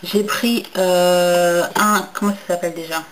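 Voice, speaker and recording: A woman's voice: on the low side, steady tone, unhurried, a little hiss or hum, poor audio. Chatty young woman reviewing makeup. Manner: hesitant, many fillers and restarts; enthusiastic about packaging. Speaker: beauty vlogger. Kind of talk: casual haul review.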